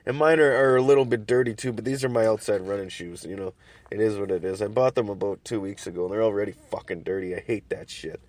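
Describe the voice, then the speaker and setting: A man's voice: on the low side, fast talker, darkish tone. A man hosting his own show, telling a story in a casual rambling monologue with lots of swearing and restarts, recorded while sitting in his car. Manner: rambling, profane, many restarts and fillers. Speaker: podcast host.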